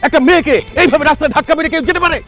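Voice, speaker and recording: A man's voice: very high voice, racing, a bit bright, soft background music. An actor playing an indignant middle-aged uncle who takes pity on a young woman, in a comic TV drama. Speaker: older neighbor, uncle figure.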